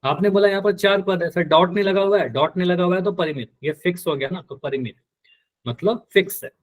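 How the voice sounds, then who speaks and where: Male math teacher, slightly higher voice, patient drills, live online class. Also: a little fast. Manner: patient, repeats key terms and quizzes students.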